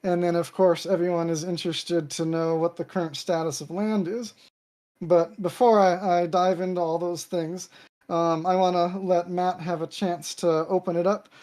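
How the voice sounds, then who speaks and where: Stuffy-nosed woman guest, slightly low voice. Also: little pitch movement, normal speed, warm tone. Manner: organized, lays out points, frequent ums. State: stuffy nose from hay fever. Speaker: guest developer. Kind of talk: casual online call.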